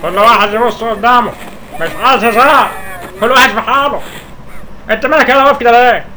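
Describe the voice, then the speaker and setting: An actor playing a stern, impatient official with an Egyptian accent, barking orders in a radio comedy. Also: male voice, very high voice, fast talker, pushed and bright, slight background noise, low-quality recording.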